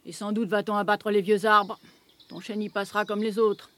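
A man's voice: sits high, little pitch movement, moderate pace, bright, forceful tone, no echo. A man playing a shrewd, secretive old beggar woman in a radio drama, blunt and coaxing. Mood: urgent.

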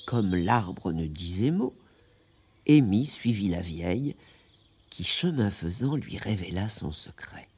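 A man narrating a classic tale in a radio drama, with an expressive telling. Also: on the low side, slow pace, husky. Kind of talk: scripted storybook narration.

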